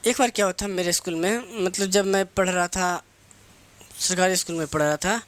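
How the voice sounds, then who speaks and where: A man's voice: high-pitched, steady tone, moderate pace, a bit bright. Man drilling students with repeated questions. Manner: asks a question and answers it himself, drilling terms; mixes English phrases into spoken Hindi. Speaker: English grammar teacher. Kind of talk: lecturing for competitive exam students.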